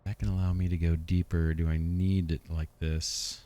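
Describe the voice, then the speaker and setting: A man hosting a let's play, thinking aloud in an unhurried way and asking himself questions as he plans. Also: low voice, little pitch movement, mellow. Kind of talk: thinking aloud while playing a strategy game.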